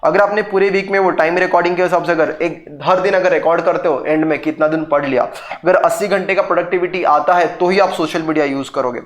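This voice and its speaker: A man's voice: on the high side, fairly even intonation, quick pace. Man, echoey room. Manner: casual, mixes Hindi with English phrases. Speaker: CA exam professor. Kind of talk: motivational talk to students.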